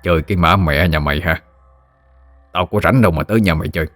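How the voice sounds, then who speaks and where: A man voicing a brutal middle-aged village chief who speaks hoarsely and barks threats in a told story. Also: deep voice, fast talker, a bit bright, soft background music. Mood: bullying. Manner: bullying, barking threats.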